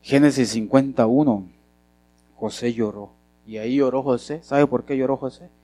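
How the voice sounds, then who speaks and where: A man preaching a sermon as pastor, often putting questions to the congregation and swinging between loud and soft. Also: mid-range voice, normal speed, no room sound.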